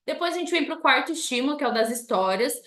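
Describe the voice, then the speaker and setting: Brief: woman educator, slightly high voice, chatty parent talk, echoey room. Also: animated, fast, a bit bright. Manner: conversational, often ends points with "tá?". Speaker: children's educator speaking to parents. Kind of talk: informal parenting lesson. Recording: roomy echo.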